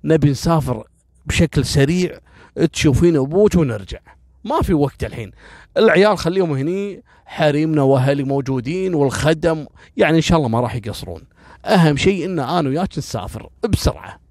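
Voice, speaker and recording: A man's voice: fairly high pitch, animated, fast talker, darkish tone, no echo, studio quality. A man voicing a reluctant husband who speaks frankly and with resignation. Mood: earnest. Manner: pleading, then frank and resigned. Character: cornered husband, weary and reluctant.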